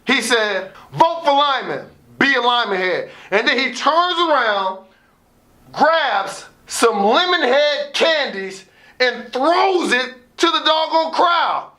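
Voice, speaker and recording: Taking it slowly, an American motivational storyteller who advises student athletes shares a personal story with lively intonation. His voice is very high, bright and forceful, and his theatrical telling includes emphatic repetition and acted-out dialogue.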